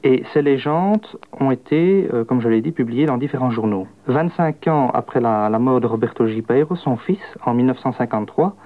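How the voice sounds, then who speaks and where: A man, a radio interview guest explaining in a measured way. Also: mid-range voice, animated, phone-quality sound. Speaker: guest adapter of a book.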